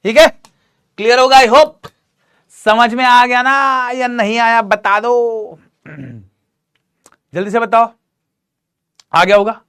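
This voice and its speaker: A man teaching a grammar lesson in a lively, joking way, often asking his students questions. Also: extremely high pitch, slow pace, pauses often, smooth.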